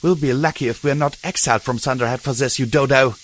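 A man's voice: lowish voice, animated, normal speed, fairly bright tone. A man voicing a proud, hostile female pegasus soldier who talks with scorn. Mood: scornful. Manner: hissing, scornful.

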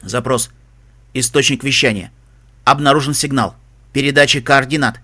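A man voicing a metallic, emotionless helmet computer that gives clipped, flat system announcements and lists dictionary words in an audiobook reading. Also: mid-range voice, normal speed. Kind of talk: audiobook reading of a fan story.

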